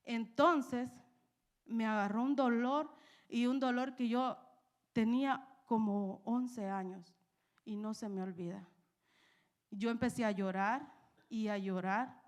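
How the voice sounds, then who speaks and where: A young woman preaching in church. Her voice sits fairly high, and she tells her story with emotion, often checking in with "¿verdad?". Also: slow, long pauses. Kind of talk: personal testimony in a sermon.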